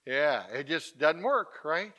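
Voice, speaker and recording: A man's voice: on the high side, lively intonation, takes it slowly, sharp tone. A man preaching a conversational sermon. He is emphatic and keeps checking in with the congregation through asides.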